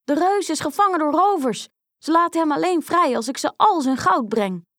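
A woman voicing a clever, brave little boy in a children's story, with a high, eager and excited way of talking, recorded dry and close. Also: unhurried, vocal fry, dry recording, heavily acted. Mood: urgent.

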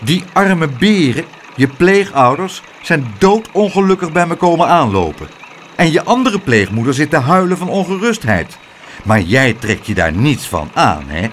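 A gruff storybook weatherman who growls and snaps at a naughty child, as a male reader puts him on. His voice swings widely and turns loud and sharp when he scolds, with a faint hum of noise behind him. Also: high-pitched, big pitch swings, moderate pace, pitched above the performer's own voice. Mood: scolding. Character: gruff grown man, the stern weatherman.

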